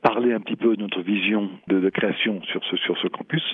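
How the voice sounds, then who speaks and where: A man in answers interview questions haltingly, searching for words and repeating himself. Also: lowish voice, steady tone, husky, dry recording. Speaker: property developer, executive interviewee. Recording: thin phone-like sound.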